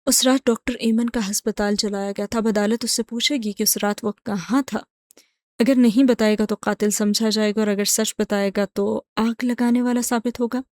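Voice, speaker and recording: A woman's voice: on the high side, fairly even intonation, a little mellow, dry recording, lightly acted. A woman voicing a smug, vengeful schemer. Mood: gloating. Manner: gloating, self-satisfied.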